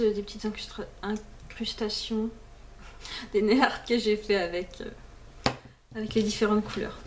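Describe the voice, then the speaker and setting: A woman's voice: a little high, a little mellow, a little hiss or hum. A woman talking casually to camera about her nail polishes and books, chatty and full of fillers and restarts, now and then slipping in English words. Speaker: beauty vlogger.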